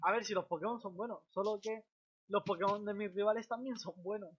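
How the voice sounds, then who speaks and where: A man's voice: sits high, steady tone, brisk, muffled recording. Young guy, gamer grumbling about his luck, noisy voice chat. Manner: groaning, complaining about bad luck. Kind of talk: casual gaming chat.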